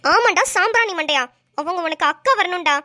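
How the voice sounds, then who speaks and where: A woman voicing a shrill scolding cartoon wife. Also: animated, a little fast, sharp tone, dry recording, clean studio sound, heavily acted. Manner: scolding, trades insults. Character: bossy sharp-tongued young wife, scolding. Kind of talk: cartoon voice acting.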